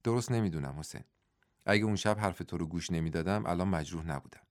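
A man's voice: deep voice, no room sound, clean studio sound, lightly acted. A man voicing a weary wounded young man. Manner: tired, subdued.

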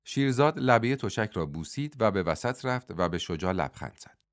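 A man reading a novel aloud as audiobook narrator, in steady scripted storytelling. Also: lowish voice, dry recording, clean studio sound.

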